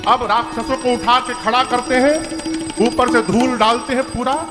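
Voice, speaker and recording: A man telling a devotional story as a sermon, lively and humorous, chanting verses now and then. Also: very high-pitched, normal speed. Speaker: storyteller preacher. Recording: reverberant hall with faint music.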